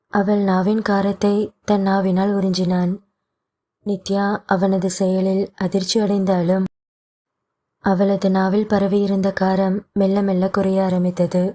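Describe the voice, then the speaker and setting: A woman narrating a romance audio novel as scripted narration, with a slow, even storybook reading. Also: mid-range voice.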